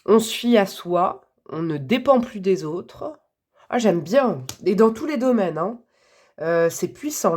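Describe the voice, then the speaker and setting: A woman's voice: medium pitch, darkish tone. A woman giving a casual tarot reading to camera, chatty and enthusiastic, thinking aloud with many fillers. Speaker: tarot reader.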